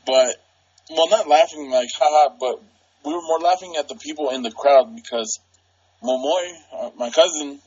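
A man's voice: a little high, vocal fry, slightly rough. A man telling a story casually and with energy, using slang, while calling in from his parents' house. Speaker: cousin reviewing movies. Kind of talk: casual chat. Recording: muffled choppy speakerphone call.

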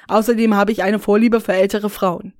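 A woman's voice: medium pitch, little pitch movement, normal speed, darkish tone, dry recording, studio quality, close to an everyday voice. A woman voicing an arrogant, whiny, pudgy male YouTuber in a story reading, protesting indignantly. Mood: smug.

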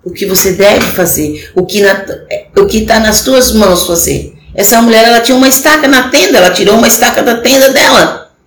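A woman's voice: a little high, a little fast, a little hiss or hum. A woman preaching a sermon on a live stream, earnest and exhorting, speaking straight to the listener. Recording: echoey room with faint ambience.

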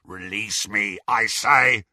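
A man voicing a snarling, brutish male werewolf with a rasping, menacing voice. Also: slow, sharp tone, no echo, clean studio sound, exaggerated voice. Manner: rasping, low crooning menace.

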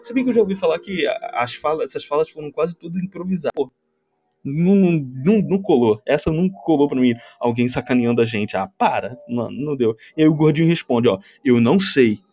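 The recording is muffled, and the man talks fast in a husky, slightly high voice. He's a Brazilian livestream host giving a comic movie recap, telling the story in an animated, rambling way full of slang and sarcastically ridiculing the characters.

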